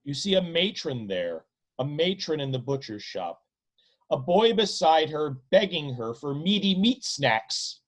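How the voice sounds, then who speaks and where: In a mid-range voice, an author delivers literary narration of his own novel, slow and dramatic, with drawn-out, emphatic phrasing.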